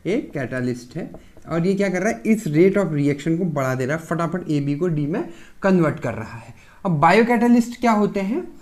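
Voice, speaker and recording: A man's voice: a little high, darkish tone. A man giving a pharmacy lecture. He explains each point with rhetorical questions, checks in often with "okay", and mixes English technical terms into his speech.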